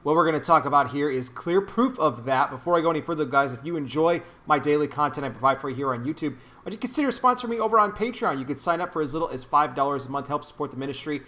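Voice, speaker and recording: A man's voice: fairly high pitch, animated, fast, few pauses, bright, forceful tone. A man giving opinionated vlog commentary in an emphatic, indignant, preachy way, repeating phrases for emphasis. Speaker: YouTube commentator.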